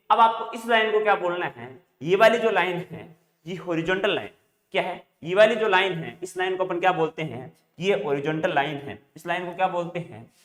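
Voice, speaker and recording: A man's voice: sits high, fairly bright tone. Echoey male teacher drilling a lesson. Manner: repetitive call-and-response questioning. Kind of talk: classroom math lesson. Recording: echoey room.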